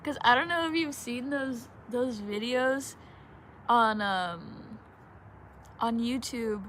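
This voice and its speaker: A woman's voice: fairly high pitch, slow, a bit bright, slight background noise. A woman rambling in casual chat with a giggly stoner drawl, often losing her thread. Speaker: vlogger.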